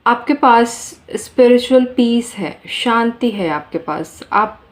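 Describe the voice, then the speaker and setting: A woman's voice: a little high, expressive, slow. A woman giving a tarot reading to her viewers in a casual, earnest way, often repeating phrases and speaking to them directly. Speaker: tarot reader.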